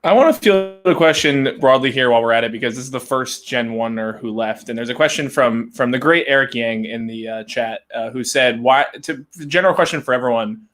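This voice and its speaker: A man's voice: mid-range voice, fairly quick, few pauses, a bit bright. Guy hosting a reunion call, laid back, reading questions from chat. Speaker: host. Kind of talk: casual video call interview.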